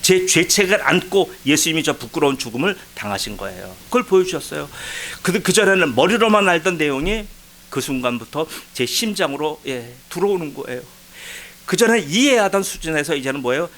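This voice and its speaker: Man pastor preaching, kinda high voice, goes quiet then really loud and pleading, bit of hiss. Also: very animated, a little fast, poor audio. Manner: emotional testimony, swings from quiet to loud pleading. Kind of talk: sermon. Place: church sanctuary.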